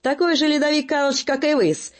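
A storyteller voicing a stout, red-bearded workman who croaks and grunts with cheery stubbornness. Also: high-pitched, steady tone, a little fast, pitched above the performer's own voice, natural voice. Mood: jolly.

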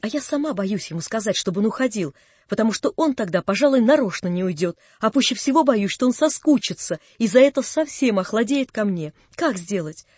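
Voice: medium pitch, animated, fairly quick, darkish tone, breathy edge, no room sound. A woman voicing an anxious, proud young woman who speaks urgently and earnestly.

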